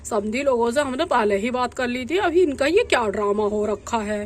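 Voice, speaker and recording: A woman's voice: a little high, animated, moderate pace. A woman voicing an earnest middle-aged village father explaining family matters in a doll storybook.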